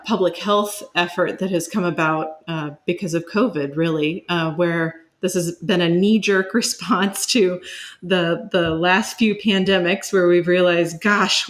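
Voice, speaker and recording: With a fairly low pitch, this woman speaks as an academic interview guest. Her explanatory answers come in measured, searching phrases, with asides along the way.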